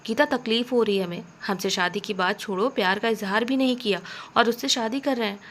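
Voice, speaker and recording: Lady doing a proud young woman in a storybook, sulky and snappy, a bit higher than her usual. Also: fairly quick, slight background noise, lightly acted. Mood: hurt. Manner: sulky, sharp retorts.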